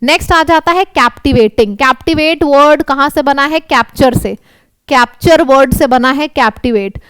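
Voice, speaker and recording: A woman with an Indian accent teaching English vocabulary for exams, lively and quizzing her students. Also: high voice, moderate pace, no room sound. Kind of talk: exam vocabulary lesson.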